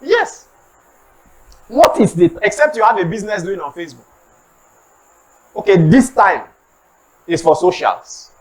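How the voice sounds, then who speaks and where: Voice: mid-range voice, measured pace, long pauses, rough recording. A preacher with a Nigerian accent who gives a sermon-style talk on time management, mixes in Pidgin, acts out comic street scenes and has the congregation repeat lines. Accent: Nigerian English with Pidgin. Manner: animated, acts out comic street scenes, calls for audience response. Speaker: preacher giving a motivational talk.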